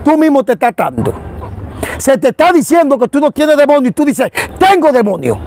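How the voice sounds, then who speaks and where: A man's voice: extremely high pitch, very animated, fairly quick, darkish tone, slight background noise. A man, preaching informally, telling stories and mimicking the people he quotes. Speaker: apostle preacher.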